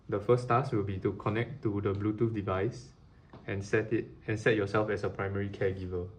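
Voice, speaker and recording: Low-voiced man moderating a test. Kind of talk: reading a briefing and giving task instructions.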